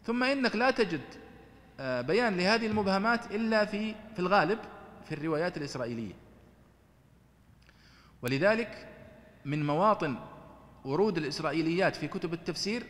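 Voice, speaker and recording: A man's voice: high-pitched, animated, fast, long pauses, a bit bright, in a large hall. A man teaching Quran commentary in a conversational lecture style, asking his students rhetorical questions.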